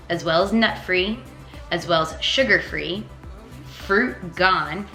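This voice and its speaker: A young woman from Long Island tells her personal story straight to camera, rambling and emotional, dropping "like" into every sentence. Her voice sits a little low yet comes across bright and forceful. The room is echoey, with faint music underneath. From Long Island, New York. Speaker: vlogger.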